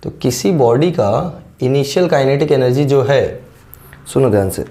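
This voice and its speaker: Hoarse male physics teacher, mellow voice. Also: mid-range voice, expressive, normal speed. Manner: explains step by step, keeps checking understanding with "correct?". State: sore throat, clearing it now and then. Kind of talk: classroom-style lecture, Hindi mixed with English terms.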